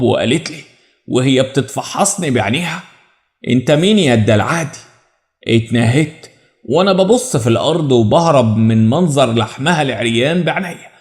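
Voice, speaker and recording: A man with an Egyptian Arabic accent narrating a dramatic first-person story in a measured storytelling manner. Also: medium pitch.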